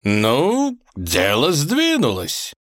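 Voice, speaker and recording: A man's voice: mid-range voice, huge pitch swings, very slow, fairly bright tone, dry recording, studio quality, pitched above the performer's own voice, full character voice. A man voicing a jovial, boisterous older male kaiser who declaims rhymes.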